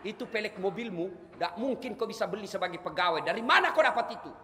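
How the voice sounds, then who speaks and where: Brief: preacher doing a blunt interrogating angel, sharp bright voice, hall echo. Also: male voice, high voice, expressive, quick pace, slight background noise, voice pushed up. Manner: blunt commanding questions. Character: stern heavenly angel questioning the dead, male.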